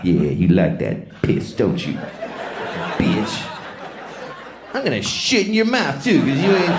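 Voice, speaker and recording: A man voicing a vulgar, swaggering guy who trash-talks his toilet, with loud crowd laughter behind. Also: sits high, noisy background, pitched above the performer's own voice, heavily acted. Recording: echoey room with loud laughing audience.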